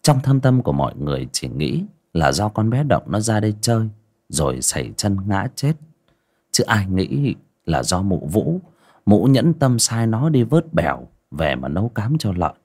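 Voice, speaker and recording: Gravelly-voiced man telling a ghost story. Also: fairly low pitch, very animated, normal speed, darkish tone. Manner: hesitant, repeats words and restarts. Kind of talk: livestream ghost story narration.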